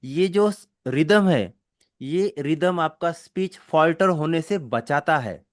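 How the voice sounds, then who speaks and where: Teaching spoken English with an Indian accent, a man in a slightly high, expressive voice walks students through things slowly, step by step, mixing Hindi and English and often checking they understand. The recording is studio quality with no room sound.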